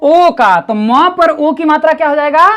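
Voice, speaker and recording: Lively, patient woman tutor. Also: high-pitched. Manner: patient, repeats syllables slowly, coaxing and encouraging. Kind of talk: one-on-one reading lesson.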